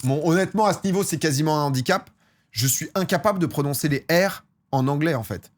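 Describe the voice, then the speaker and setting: A man's voice: a little high, fast, no echo. A young man from France chatting casually on a live stream, rambling and slangy, often laughing at himself. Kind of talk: casual chat with chat viewers.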